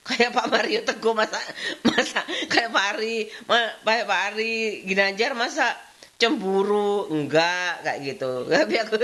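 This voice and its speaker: A woman's voice: medium pitch, fairly bright tone. A middle-aged woman with a Javanese-tinged Indonesian accent, rambling casually at home in a vlog, with frequent laughs and repeated filler phrases. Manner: rambling, repeats "kayak gitu", laughs often. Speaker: vlogger and housewife. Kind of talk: casual chatty vlog monologue. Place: at home while tidying.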